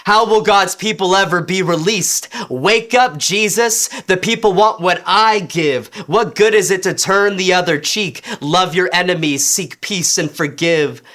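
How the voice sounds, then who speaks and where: A man playing a defiant, mocking rebel outlaw in a dramatic poetry reading, declaiming loudly and tauntingly. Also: a little high, lively intonation, slow pace, hardly any pauses, exaggerated voice.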